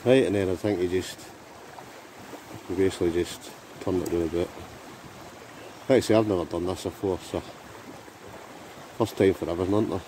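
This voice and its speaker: Deep-voiced Scottish man by a river. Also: fairly even intonation, moderate pace, long pauses, dark tone. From Scotland. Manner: chatty, thinking aloud while cooking. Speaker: outdoor vlogger. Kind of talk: casual chat to camera. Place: riverside camp outdoors. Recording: outdoor recording with river noise. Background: flowing river.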